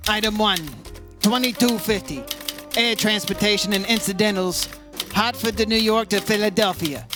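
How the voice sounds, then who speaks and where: Speaking in a naturally high voice, a man plays a breezy, wry insurance investigator in a 1950s-style radio detective drama. The character is hard-boiled yet kindly, full of dry wisecracks.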